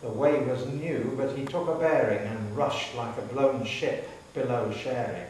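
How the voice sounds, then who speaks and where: This poetry reader performs a narrative poem dramatically and without rushing, his mid-range voice carrying a darkish tone. The recording comes from a distant mic in a public hall that echoes heavily, with a faint hiss underneath.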